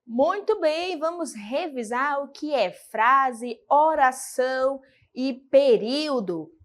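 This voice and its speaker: Brazilian teacher lady, high voice, explains slow and answers her own questions. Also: lively intonation, over music. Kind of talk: recorded school lesson.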